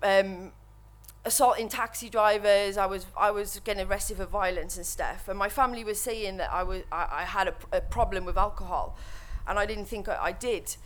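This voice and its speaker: A woman's voice: mid-range voice, steady tone, fairly bright tone. Welsh woman late 30s, nervous, lots of ums and false starts, speaking at a mic to a room. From Wales. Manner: nervous, halting, many ums and restarts. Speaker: speaker sharing recovery story. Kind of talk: personal testimony to an audience. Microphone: microphone while standing before an audience.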